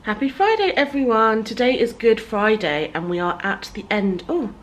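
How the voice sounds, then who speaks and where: Her voice on the high side and animated, a British woman in her thirties chats at a moderate pace to a handheld camera at arm's length as she walks around showing her home renovation indoors. It's a casual vlog, with a little hiss or hum and low-quality recording.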